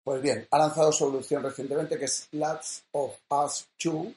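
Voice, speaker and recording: A man's voice: on the high side, steady tone, normal speed, darkish tone, roomy sound. A man co-hosting a casual chat show, reading news items in a conversational way. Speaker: co-host. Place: small room at home.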